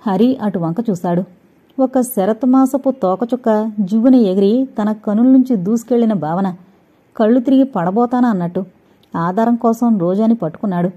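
Woman reading an audio novel, really dark mellow voice, dull lo-fi recording. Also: mid-range voice, slightly rough. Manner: steady storytelling. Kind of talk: scripted narration.

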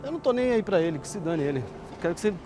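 A man's voice: sits high, big pitch swings, racing, noisy background. A man who owns a restaurant, arguing in a dismissive, sulky way. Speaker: restaurant owner. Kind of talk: reality TV argument.

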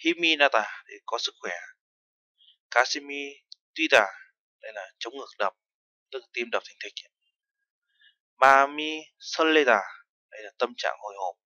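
A man's voice: medium pitch, animated, moderate pace, long pauses, sharp tone, dry recording, muffled recording. A man teaching a language lesson, explaining terms step by step and mixing in foreign words. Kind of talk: lesson narration.

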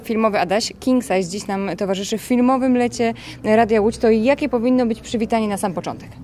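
Higher-voiced woman radio interviewer. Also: fairly quick, darkish tone, slight background noise. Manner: chatty, long winding questions. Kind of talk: casual interview. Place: outdoor garden courtyard. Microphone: handheld mic.

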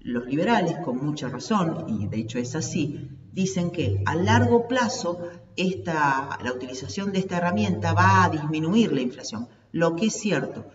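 A woman's voice: sits low, lively intonation, normal speed. A woman in her forties with an Argentine accent, giving a recorded economics lesson from her home study through a webcam, explaining steadily and gesturing as she talks. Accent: Argentine Spanish. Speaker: accounting and economics teacher. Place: home study with bookshelves, indoors. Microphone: webcam at desk. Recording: roomy, distant, dull webcam sound.

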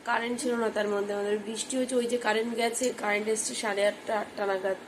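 A woman's voice: level tone, fast. A young woman, talking through a casual home vlog while feverish and worn out, in a tired, subdued way. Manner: tired, low-key and subdued. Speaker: vlogger. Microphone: phone camera. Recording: noisy home phone recording.

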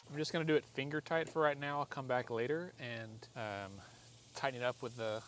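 With a mid-range, fairly bright voice and a fairly quick delivery, an American man in his forties chats casually through a product installation, rambling and running himself down. The how-to vlog was shot in a driveway and a parked car on a camera or phone mic from arm's length to a few feet, so the audio is noisy with clear ambient sound.

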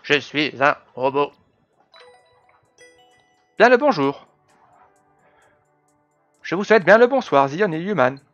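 A man doing a put-on robot voice while commenting on his gameplay, talking slowly and mechanically with stiff, formal greetings. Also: fairly high pitch, sing-song, fairly bright tone, no echo, highs cut off, soft background music, heavily acted.

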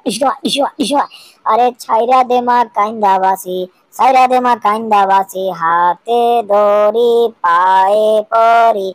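A woman's voice: mid-range voice, no room sound. A woman reading a comic cartoon dub in a playful sing-song way.

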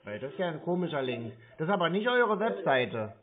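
Crowd noise sits behind a man whose slightly high, sing-song voice moves a little fast as he toys with a scam caller. Playing dumb, he stalls and teases in this prank phone call, carried over a tinny line.

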